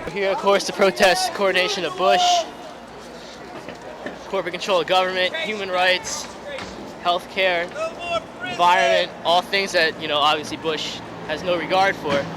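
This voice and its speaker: A man at a protest listing grievances in an urgent, rapid-fire street interview. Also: high voice, little pitch movement. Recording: noisy outdoor street.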